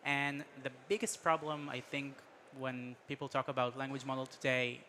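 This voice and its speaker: Bright-voiced man from Israel demoing. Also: mid-range voice, level tone, slight background noise. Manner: halting, many fillers and restarts. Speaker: startup guest demoing AI product. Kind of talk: casual explaining, product demo.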